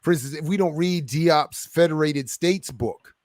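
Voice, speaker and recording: A man's voice: fairly high pitch, normal speed, darkish tone, no room sound. A man guest, an author and scholar, answering interview questions with building passion over a video call. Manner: passionate, builds up and gets amped.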